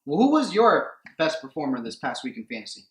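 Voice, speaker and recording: A man with a Mexican-American English accent and a slightly higher voice co-hosts a sports talk show from a home. He is chatty and excitable and jokes around, and his voice carries a noticeable room echo. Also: a little fast. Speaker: co-host. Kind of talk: casual sports radio chat. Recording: echoey room.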